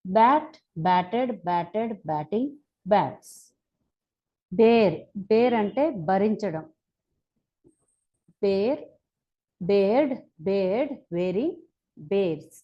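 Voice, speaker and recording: A woman with a Telugu accent teaching English verb forms, reciting each form one by one slowly and deliberately. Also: mid-range voice, lively intonation, dull audio. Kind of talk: slow spoken-English lesson.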